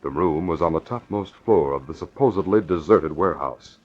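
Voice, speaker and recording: A man with a low voice delivers grave, suspenseful scripted radio narration for a 1940s crime serial, speaking briskly. The old recording is muffled, with faint noise.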